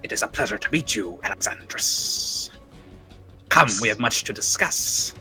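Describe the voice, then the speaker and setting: A man voices a huge, stern dragonborn paladin who speaks formally through clenched teeth in a hissing, reptilian way. His low-ish voice has lively intonation and a moderate pace, sounding pushed and bright. Music plays underneath.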